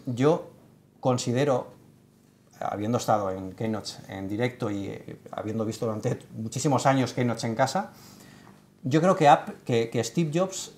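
An expressive man in his thirties on a studio panel, telling stories with emphasis. He stumbles and restarts often and fills pauses with "eh". His voice sits at a middle pitch. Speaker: tech site writer leading the segment. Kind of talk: casual panel discussion. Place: studio set with sofa.

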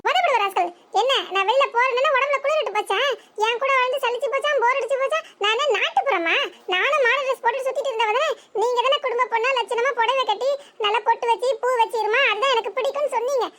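A woman's voice: very high voice, heavy background noise, pitched above the performer's own voice. A woman voicing an indignant young village wife in a cartoon, with a southern Tamil Nadu accent. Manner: indignant, fast retorts.

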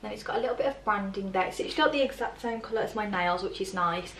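A woman's voice: mid-range voice, very fast, a bit bright, distant mic, a little hiss or hum. A young British woman in her twenties chatting through a clothing try-on, full of filler words, filmed in a plain room on the camera's mic. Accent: British English. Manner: chatty, filler-heavy with constant "like". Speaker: fashion vlogger. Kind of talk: casual try-on haul. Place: plain grey bedroom, indoors. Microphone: camera mic from across the room. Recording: roomy echo, voice a bit off-mic, faint ambience.

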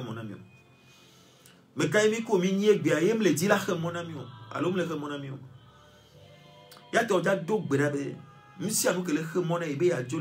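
A Togolese man, an evangelist, leading a fervent prayer sermon and chanting repeated phrases while urging listeners to pray. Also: on the high side. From Togo.

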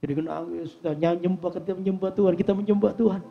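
A man's voice: high-pitched, steady tone, racing, gravelly, dull audio, faint music behind. A man preaching a sermon as a pastor, telling stories and speaking directly to the congregation. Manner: storytelling, addresses the congregation directly. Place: church service before a congregation.

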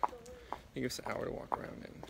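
A man filming on a phone, making relaxed offhand remarks as he walks crowded streets. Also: a little fast. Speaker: companion filming. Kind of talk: casual chat. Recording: loud street noise.

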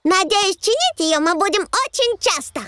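A cartoon dub performer playing a cheerful, bossy little girl piglet, excitable and childlike. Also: very high voice, moderate pace, no room sound, heavily acted. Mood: excited. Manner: excitable, emphatic. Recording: music behind.

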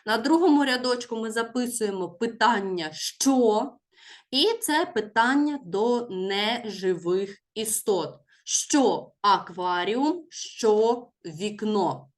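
Slow-paced woman teaching a lesson. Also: on the high side, lively intonation. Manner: slow, deliberate, stresses words for dictation. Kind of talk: school lesson for children.

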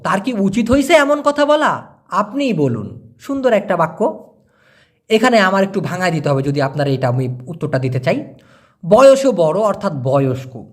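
A man giving a casual language lesson, explaining slowly and repeating words as he breaks them down. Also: sits high. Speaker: language teacher.

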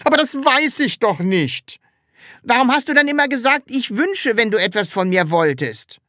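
A woman's voice: fairly high pitch, sing-song, normal speed, sharp tone, no echo, clean studio sound, pitched above the performer's own voice. A woman voicing a timid, earnest grown man in an audiobook, talking in a way that is easily flustered. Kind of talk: audiobook character reading.

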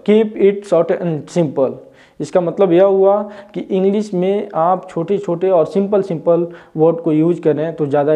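This man, also in his 20s, stands at a whiteboard teaching English, often turning to viewers with questions as he goes. He speaks with a high pitch and a dark tone, picked up by a lapel mic indoors.

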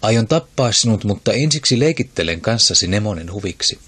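A man voicing a huge, boastful male arena fighter who bellows his lines slowly, in an audiobook. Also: on the low side, animated, a bit bright, slightly rough. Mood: taunting.

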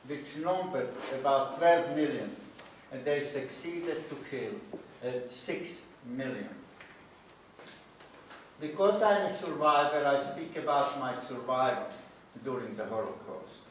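A man's voice: on the high side, recorded from a distance, slight background noise. Older man lecturing in an echoey hall. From Slovakia. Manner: halting, many filler pauses. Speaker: guest speaker. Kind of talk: public lecture. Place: school hall. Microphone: stand mic, recorded from far camera.

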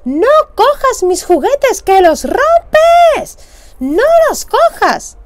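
A woman voicing a young boy throwing a tantrum, yelling in a whiny, shrill way. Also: huge pitch swings, very slow, slight background noise, full character voice. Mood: angry shouting.

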